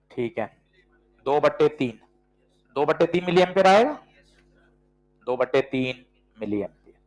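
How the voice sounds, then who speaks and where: A man teaching physics to a class, working problems aloud and coaxing students with quick questions. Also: mid-range voice, poor audio. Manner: brisk, coaxing, quizzes students with short questions. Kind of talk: classroom lecture with problem solving.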